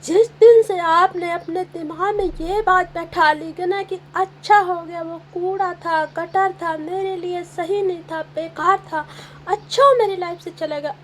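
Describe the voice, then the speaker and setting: Brief: woman relationship coach, very high voice, slow and emphatic advice talk. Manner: emphatic, repetitive, coaxing.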